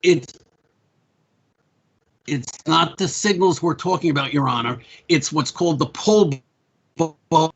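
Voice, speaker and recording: A male attorney giving a halting oral argument over a video call whose audio keeps breaking up and dropping out. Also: a little high, slightly rough, lo-fi sound. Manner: halting, with many restarts. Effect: choppy audio, video stream breaking up. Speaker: appellant's attorney.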